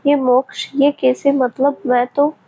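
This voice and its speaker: A woman's voice: sits high, flat delivery, unhurried. A woman reading as a shaken, shy young heroine. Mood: hesitant. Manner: quiet, hesitant. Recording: tinny phone-like sound.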